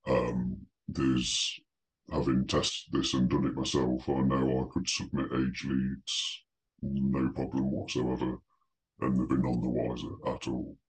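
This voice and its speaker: A man speaks through a voice changer that drags his voice down to an extremely low rumble, hiding who he is. He talks slowly and carefully, with frequent ums, as an anonymous guest on a casual podcast. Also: completely flat delivery, low-quality recording. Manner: measured, hesitant, frequent ums. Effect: voice changer pitching the voice very deep to disguise it. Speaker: anonymous guest, lead generator.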